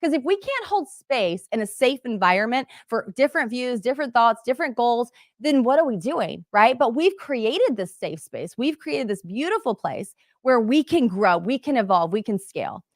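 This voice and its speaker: A woman coaching an online workshop in an energetic, conversational way, often saying "like" and "right?". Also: fairly high pitch, normal speed, hardly any pauses, no echo, clean studio sound. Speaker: business coach. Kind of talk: motivational workshop talk.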